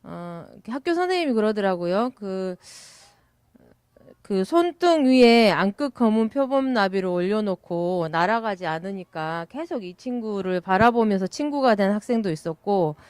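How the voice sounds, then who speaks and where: A middle-aged woman from South Korea giving a reflective speech at a community event as an education researcher, with many pauses and fillers. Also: medium pitch, expressive, darkish tone, clean tone, dry recording.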